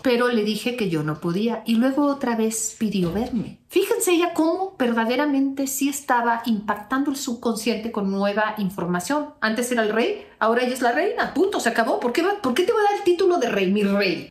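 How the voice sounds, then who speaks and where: A woman's voice: on the high side, reverberant. A woman self-help coach reading out a viewer's letter and commenting on it with emphatic, sassy asides.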